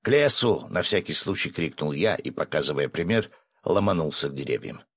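A man narrating a first-person adventure audiobook, brisk with coarse asides. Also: rumbling low, fairly bright tone, slightly rough, dry recording, clean studio sound.

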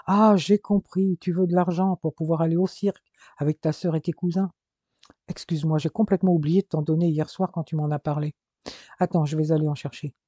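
A busy father brushes his son off in a quick, practical way, read aloud by a storyteller. The voice is warm and dark, set in a dry, close recording. It sounds like an audiobook chapter. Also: medium pitch, steady tone, dry recording, lo-fi sound, lightly acted. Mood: brisk. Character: busy, brisk father, adult man.

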